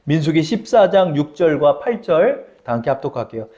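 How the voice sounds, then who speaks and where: A man's voice: fairly high pitch, very animated, normal speed, warm tone, dull audio. A man preaching a sermon as pastor, asking the congregation questions and acting out the voices of people he quotes.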